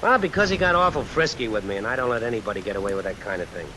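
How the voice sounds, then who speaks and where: Rapid-fire and on the low side, this male actor plays a brash, suspicious drifter out of jail, narrating in first person in old-time radio suspense fashion. Slangy, hard-boiled and sardonic, he comes across irritated. The audio is poor, a vintage radio recording with hiss and steady rain laid over the broadcast.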